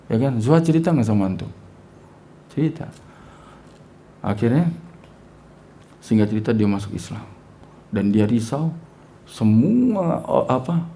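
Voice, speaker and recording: A man's voice: mid-range voice, vocal fry, warm tone, a little hiss or hum. A man teaching a religious class, telling a story with acted-out dialogue and jokes.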